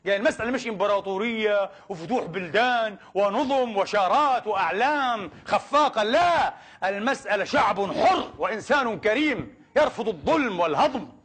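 A man delivers an impassioned sermon at a rapid clip. His voice sits high for a man and has a husky edge. He presses his points hard with emphatic rhetorical questions. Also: lively intonation, a bit bright. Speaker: preacher.

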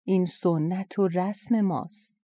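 A woman voicing a dutiful, worried old father in a storybook folktale, speaking in a gentle, pleading way. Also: on the low side, fairly even intonation, no echo, close to an everyday voice. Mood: earnest.

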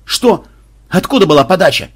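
A man voicing a reckless old starship captain who barks his orders loudly. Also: mid-range voice, fairly quick, close to an everyday voice. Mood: commanding. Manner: loud, barking commands.

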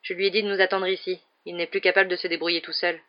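A woman voicing an excitable teenage boy who speaks eagerly and loudly. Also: fairly low pitch, racing, dull audio, close to an everyday voice. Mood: matter-of-fact. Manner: exclaiming, eager.

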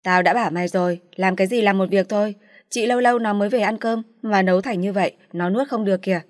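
A woman's voice: medium pitch, brisk, no room sound, clean studio sound, natural voice. A woman voicing a stern, scolding middle-aged mother in a dramatized story. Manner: harsh, scolding.

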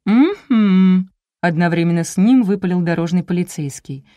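Warm-toned woman reading an audiobook. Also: mid-range voice, lively intonation, brisk, no room sound. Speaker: audiobook narrator. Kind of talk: first-person audiobook narration.

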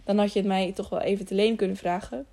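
Woman narrator doing an angry, blustering burly man, gravelly and low-toned. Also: fairly even intonation, quick pace, mellow. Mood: gruff. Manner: blustering, accusing. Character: hot-headed burly man, angry horse owner. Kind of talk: audiobook character reading.

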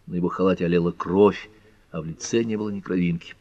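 Man, low voice, measured audiobook narration, dry close sound, dull lo-fi audio. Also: fairly even intonation, dark tone, dry recording. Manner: measured storytelling, acts out each figure. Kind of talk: scripted narration.

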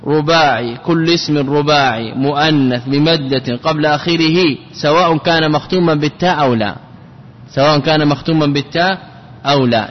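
A man's voice: a little high, in a large hall, lo-fi sound. A man, a sheikh, teaching an Arabic grammar lesson, repeating word forms and checking his students with questions.

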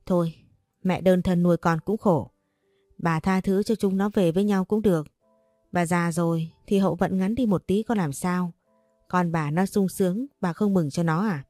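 A woman voicing a greedy, sly older male shaman who talks in a slow, knowing, wheedling way. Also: on the low side, warm tone, no room sound, soft background music, lightly acted.

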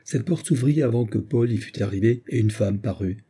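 An audiobook narrator with a dark, husky, mid-range male voice reads a classic novel from a script at normal speed.

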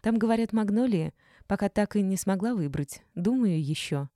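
A woman reading a cool, defiant young woman clerk who talks in brisk, curt, unbothered replies. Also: mid-range voice, expressive, dark tone, no echo, studio quality, pitched above the performer's own voice, close to an everyday voice. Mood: breezy.

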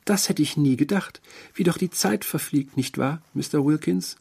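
A man's voice: fairly high pitch, normal speed, creaky, mellow, breathy edge, voice pushed up. A man voicing a genteel older landlady who is sweetly fussy and forgetful, with a prim, cooing manner.

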